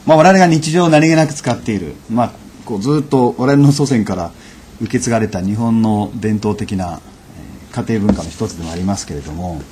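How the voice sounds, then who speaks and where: A man giving a lecture and telling an anecdote in a measured, unhurried way, with frequent fillers. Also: fairly low pitch, dark tone, slight background noise. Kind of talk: storytelling lecture.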